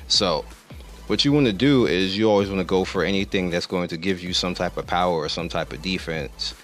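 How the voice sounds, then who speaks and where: Deep-voiced man explaining game menus. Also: a little fast, soft background music. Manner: rambling, self-correcting, explains while clicking through menus. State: losing his voice. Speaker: gaming channel host. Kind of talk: casual gameplay commentary.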